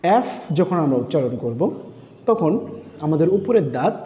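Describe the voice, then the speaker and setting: A man teaching English letter sounds, repeating each letter slowly and explaining how to shape the mouth. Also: fairly high pitch, sing-song, dark tone, highs cut off. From Bangladesh. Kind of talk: slow pronunciation lesson. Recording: echoey room with long reverb.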